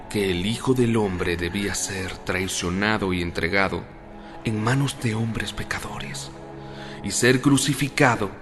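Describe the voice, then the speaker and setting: A man's voice: fairly low pitch, a bit bright. An actor playing a solemn male angel who proclaims sacred news in a dramatized Bible. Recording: long cavernous reverb, faint music.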